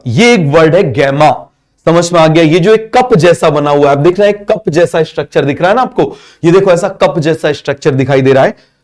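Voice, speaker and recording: A male teacher with a slightly high voice leads a biology class in Hindi, sprinkling in English terms. He keeps asking questions and has the students repeat the answers back.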